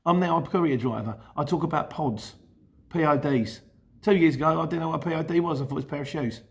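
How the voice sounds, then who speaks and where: A man's voice: a little high, fast. Middle-aged man with a London Cockney-tinged accent. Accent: London Cockney-influenced. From Luton, England. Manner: chatty, rambling, self-correcting. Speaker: YouTube host and courier driver. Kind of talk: casual explainer vlog.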